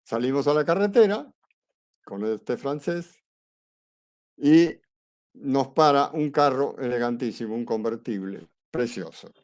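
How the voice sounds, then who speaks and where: Guy teaching a class, telling a story from his travels, chatty, mid pitch, acts out the lines. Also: measured pace, long pauses. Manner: lively anecdote, acts out quoted dialogue; conversational, with fillers and restarts. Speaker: astrology teacher.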